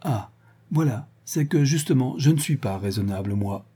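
A man voicing a wistful aristocratic woman in love, speaking softly with a sad irony. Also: mid-range voice, lively intonation, moderate pace, slightly rough. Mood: teasing, sad.

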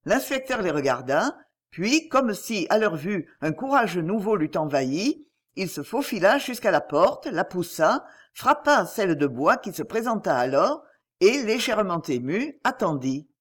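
A dramatic audiobook narrator reads a detective novel with expressive storytelling. The voice sits mid-pitch and moves in a lively way through its range. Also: unhurried. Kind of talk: scripted narration of a crime novel.

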